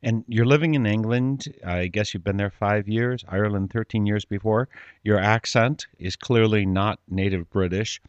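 A man hosting a radio interview, speaking in a measured, gentle way. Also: on the low side, smooth, no room sound, dull audio. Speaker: radio host.

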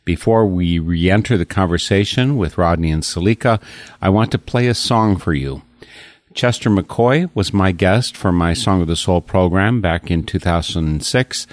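A man's voice: deep voice, no echo. An older man hosting a radio program, speaking reflectively and searching for his words, often restarting a thought. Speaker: radio host.

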